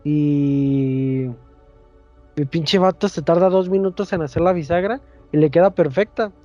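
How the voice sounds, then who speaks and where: A man's voice: a little high, unhurried, warm tone, lo-fi sound, faint music behind. A young Mexican man telling a story in casual, slangy chat, acting out the voices as he goes.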